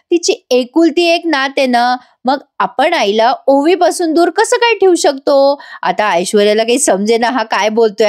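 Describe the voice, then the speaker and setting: A woman retelling a TV serial episode to her audience, acting out each character's lines in quick voices. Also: high voice. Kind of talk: animated storytelling recap of a TV serial.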